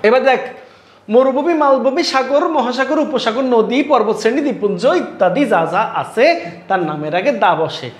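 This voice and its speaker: A man's voice: very high voice, expressive, normal speed, echoey room. A male English grammar teacher from Bangladesh, teaching a class in casual speech and teasing and scolding his students.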